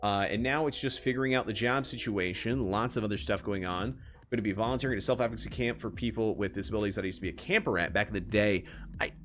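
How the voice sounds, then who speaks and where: A man's voice: lowish voice, fast talker, a bit bright, soft background music. A man in his late twenties, chatting casually and joking at his own expense while playing a game on stream. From United States. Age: late 20s. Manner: rambling, self-mocking joking. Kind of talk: casual chat while gaming.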